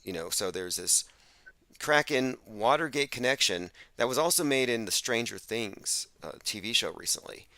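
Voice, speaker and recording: A man's voice: medium pitch, expressive, moderate pace, bright, forceful tone, no echo. A man hosting a casual conversation, explaining his ideas in an earnest way. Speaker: host.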